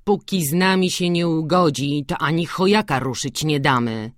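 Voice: medium pitch, moderate pace, no echo, studio quality, close to an everyday voice. A reader voicing an angry, resentful young male peasant who grumbles, in an audiobook.

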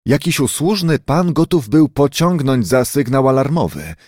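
A man reading a children's storybook aloud, expressive and unhurried. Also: medium pitch, breathy edge, dry recording, clean studio sound. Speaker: narrator.

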